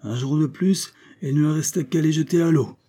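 A man voicing a gruff, bold old sea captain who barks orders in rough sailor slang. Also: on the high side, normal speed, warm tone, pitched above the performer's own voice, close to an everyday voice. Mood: gruff, bossy.

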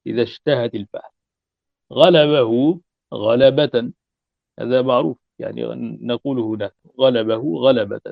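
A man's voice: mid-range voice, no echo. A male teacher giving a recorded lecture, reciting lines of a grammar poem and then explaining them patiently with examples, sometimes checking in with his listeners. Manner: checks in with listeners and clears his throat often. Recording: dull, dry lo-fi recording.

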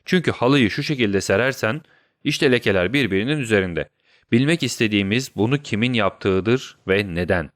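A man's voice: lowish voice, lively intonation, normal speed, no echo, close to an everyday voice. Man playing a smug boastful police inspector, storybook reading, dry sound. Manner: boastful and patronizing. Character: smug, self-satisfied male police inspector.

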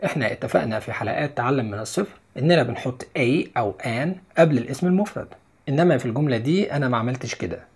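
A man's voice: medium pitch, expressive, fast, a little mellow, breathy edge. A young man with an Egyptian Arabic accent teaching an English lesson on video, explaining step by step and repeating each word twice.

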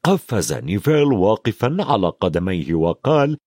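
A man narrating an audiobook dramatically, dropping to a hush for suspense. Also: lowish voice, very animated, normal speed, no echo, studio quality. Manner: dramatic, swings from loud to hushed.

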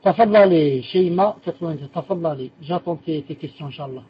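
A man's voice: fairly high pitch, a little fast, slightly rough, highs cut off. A man teaching a religious lesson and answering students' questions, patiently repeating key terms and correcting himself as he explains.

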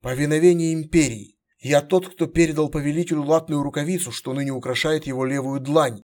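Man playing a soft-spoken humble warrior. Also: a little high, steady tone, brisk, natural voice. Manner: quiet, deferential and soft.

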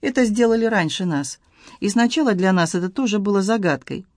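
Guarded man read by a woman, audiobook, matter-of-fact, teasing, mid pitch, dry sound. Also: expressive, a little fast, a little mellow, no echo, close to an everyday voice. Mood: calm. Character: guarded, wry man, the heroine's rescuer.

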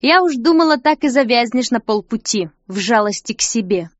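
A woman reading a story aloud, voicing a sharp-tongued, mocking ghostly young woman. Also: a little high, expressive, normal speed, no room sound, muffled recording, lightly acted. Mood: teasing. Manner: mocking, taunting.

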